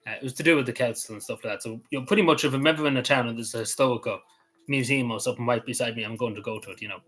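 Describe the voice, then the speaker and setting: An Irish man chats casually on a livestream, answering his viewers in a rambling way full of "you know" and restarts. His mid-range voice is rapid-fire and fairly bright, with faint music behind him.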